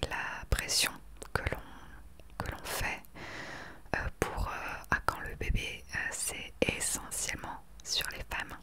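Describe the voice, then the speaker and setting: A woman's voice: takes it slowly, pushed and bright. Whispering young woman, earnest ASMR chat. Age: 20s. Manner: earnest, opinionated. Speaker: ASMR creator. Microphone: desktop USB microphone.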